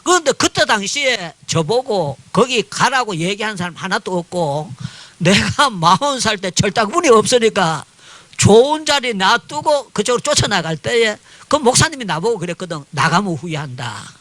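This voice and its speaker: Older man, pastor, animated storytelling sermon, swings widely in pitch, cries out in prayer. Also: moderate pace, no room sound. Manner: animated storytelling, crying out in prayer, acting out dialogue. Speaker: pastor and missionary.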